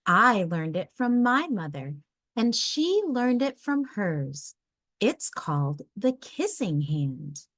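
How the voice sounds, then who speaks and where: A woman voicing a loving mother raccoon in a storybook, gentle, soothing and reassuring. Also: medium pitch, sing-song, slow, no echo, heavily acted. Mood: secretive, warm. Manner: gentle, soothing, teasing tenderness.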